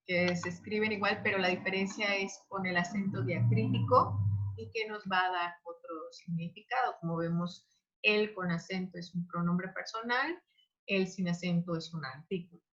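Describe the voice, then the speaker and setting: A woman teaches an online grammar lesson, her voice sitting in a middle register. She talks her students through each rule patiently, pausing often on fillers and restarting her sentences. The recording sounds somewhat dull and lo-fi. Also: mid-range voice, a bit bright. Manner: explanatory, with frequent fillers and restarts.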